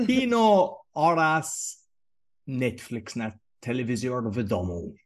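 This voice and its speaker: A man with a mid-pitched voice and as his language. He talks casually, as a podcast host who is also learning a language. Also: wildly swooping pitch, takes it slowly. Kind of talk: casual chat.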